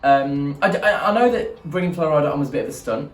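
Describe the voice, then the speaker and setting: A man's voice: on the high side, expressive, quick pace. A man with a sassy, bantering drag queen manner, chatting casually as he gives a review. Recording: echoey room, distant mic, music behind.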